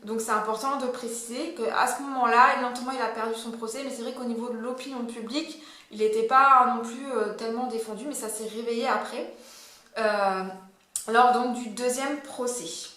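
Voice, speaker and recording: A woman's voice: fairly high pitch, fairly even intonation, normal speed, bright, forceful tone. A woman with a French accent explaining a court case in a casual, hesitant way, with many fillers and self-corrections. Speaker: commentator. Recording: very echoey room.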